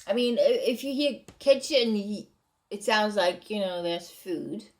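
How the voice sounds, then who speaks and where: A woman reads from her novel draft and talks it over, hesitant and pausing to rethink her wording. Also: mid-range voice, fairly even intonation, a little mellow. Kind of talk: casual reading and commentary.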